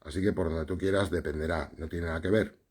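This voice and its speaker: Man, low voice, husky, casual live stream Q&A, explanatory, lots of fillers. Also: fairly even intonation, quick pace, a little mellow. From Spain. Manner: conversational, explanatory, many fillers and tag questions. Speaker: journalism teacher answering live questions.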